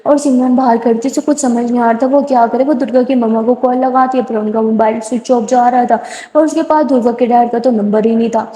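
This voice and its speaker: A woman's voice: on the high side, fairly even intonation, mellow. A woman narrating a romance story in a chatty, casual retelling with many fillers. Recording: roomy echo.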